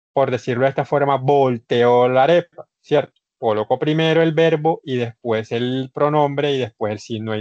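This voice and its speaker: A man's voice: medium pitch, darkish tone, no echo, highs cut off. A man with a Colombian Spanish accent teaching an online English class. He explains grammar step by step, repeats his points and addresses the students formally.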